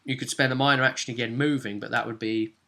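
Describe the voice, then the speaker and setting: Speaking quickly in a creaky, mid-range voice, the game master walks through what happened in the tabletop session, keeping the recap casual, lively, and full of explanation.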